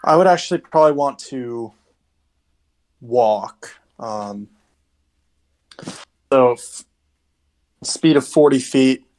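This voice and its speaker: Regular-voiced guy playing a tabletop game, thinking out loud, casual. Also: medium pitch, takes it slowly, pauses often, rough recording. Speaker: player.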